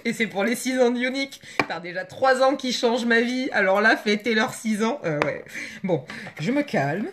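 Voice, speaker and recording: A woman chatting casually with viewers on a live makeup stream, excitable and gushing, greeting people by name. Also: a little high, normal speed, background noise.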